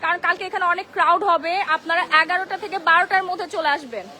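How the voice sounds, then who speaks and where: A hoarse woman running a live sales stream from her unfinished showroom, talking in brisk, excited selling patter. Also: very high voice, some chatter behind. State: hoarse from shouting all day. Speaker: shop owner selling clothes on a live stream. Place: unfinished mall showroom with workers around.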